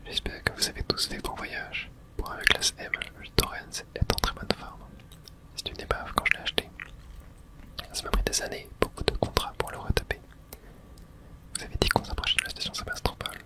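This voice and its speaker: This is a breathy, voiceless whisper from an ASMR gaming video, where the person reads the dialogue out loud. The pace is moderate, and the recording quality is rough.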